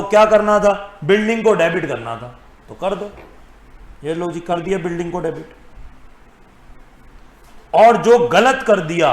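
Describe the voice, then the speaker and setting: A man teaching accounting in a classroom lecture, asking the class questions and answering them himself, with English terms mixed in. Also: a little high. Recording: echoey classroom.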